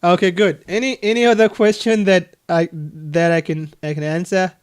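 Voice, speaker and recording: Man from Cameroon, Cameroonian accent, high voice, earnest and halting over a video call. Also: steady tone, smooth. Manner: earnest, many restarts and soft laughs. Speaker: adoption agency leader. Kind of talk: casual video call conversation.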